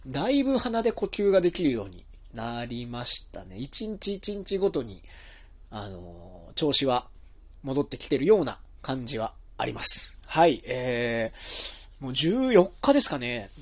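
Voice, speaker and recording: A pro wrestler hosts his own talk show, rambling casually through a solo monologue packed with fillers. His medium-pitched voice swoops wildly and he's unhurried, sounding slightly stuffy and nasal as he recovers from illness.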